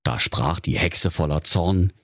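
A man narrating a comic fairy tale in a lively, playful storytelling manner, with a husky voice. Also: low voice, measured pace, no echo, studio quality.

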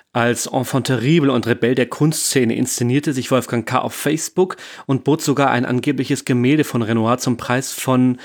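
Man reading a true-crime podcast script. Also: medium pitch. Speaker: podcast co-host.

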